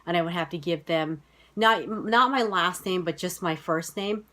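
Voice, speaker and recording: Here a woman in her thirties, an American vlogger with a General American accent, talks casually to camera about her life. Lowish and a touch bright, her voice keeps a moderate pace, and her chatty talk is full of fillers such as "like" and "you know."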